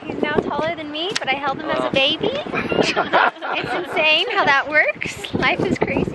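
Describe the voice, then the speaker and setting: Bubbly high-voiced woman vlogging. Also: normal speed, a loud crowd, very noisy. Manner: bubbly, exclaiming, laughing often. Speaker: travel vlogger. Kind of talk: casual vlog narration. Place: van and outdoors in snow by a lake. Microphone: handheld camera at arm's length.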